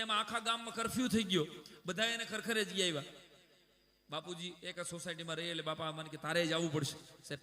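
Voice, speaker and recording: Bright high-voiced comedian. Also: male voice. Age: 30s. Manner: chatty, talks to the audience. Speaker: stage comedian. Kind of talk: live comic storytelling. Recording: echoey live stage.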